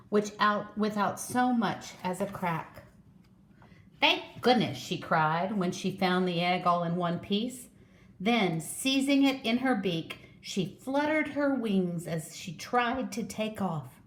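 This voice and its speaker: A woman storyteller reads a children's story aloud slowly and expressively. Her mid-range voice carries an echo from a roomy space.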